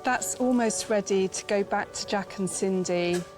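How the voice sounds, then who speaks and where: A woman conservator calmly explaining her restoration work step by step. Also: medium pitch, a little slow, music in the background. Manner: calm, methodical step-by-step explanation.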